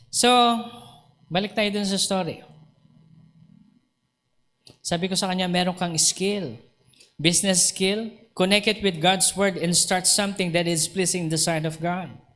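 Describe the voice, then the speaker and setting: High-voiced pastor preaching. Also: male voice, a bit bright. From Philippines. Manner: preaching, acts out dialogue in retold conversations. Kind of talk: Taglish sermon with storytelling. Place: church sanctuary. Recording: church hall with long reverb.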